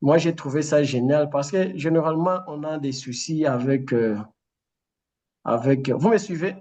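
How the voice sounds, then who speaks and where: A man in an online meeting, speaking politely and haltingly, with frequent fillers. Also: on the high side, dark tone. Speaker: program participant. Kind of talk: casual remarks in a meeting.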